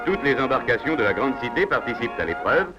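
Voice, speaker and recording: A man's voice: mid-range voice, very animated, fast talker. A man reading scripted 1950s newsreel narration in a formal, declamatory announcer's manner. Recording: dull 1950s film soundtrack. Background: loud background music.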